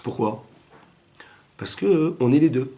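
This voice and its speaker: A man, a rabbi, giving a Torah class in a family home, animated and asking his listeners rhetorical questions. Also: medium pitch, measured pace.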